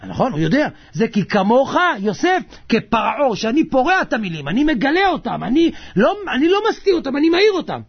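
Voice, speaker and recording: A man giving a religious sermon, animated and full of comic storytelling, acting out the people in his stories as he preaches. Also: extremely high pitch, creaky, few pauses, husky. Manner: animated, acts out quoted characters, shifts between loud and hushed. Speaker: rabbi. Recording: muffled lo-fi recording.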